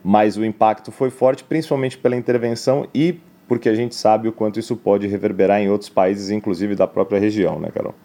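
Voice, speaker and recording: Low, mellow-voiced male market analyst. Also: steady tone, fairly quick, few pauses. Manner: explanatory, many filler "né" tags. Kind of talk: financial news commentary.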